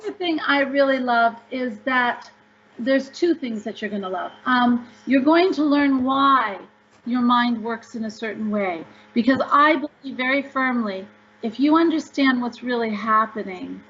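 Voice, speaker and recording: A woman's voice: fairly high pitch, measured pace, a bit bright. A woman author answering interview questions, upbeat and emphatic as she tells stories. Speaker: author guest. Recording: dull lo-fi audio.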